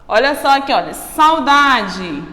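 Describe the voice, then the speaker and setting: A woman with a Brazilian accent gives a grammar lesson at an unhurried, deliberate pace, breaking words into syllables and asking "ok?" along the way. Her voice sits a little high. The room rings with echo and a long reverb tail. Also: animated, fairly bright tone. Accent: Brazilian Portuguese. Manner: slow, spells out syllables, checks with "ok?". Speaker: teacher.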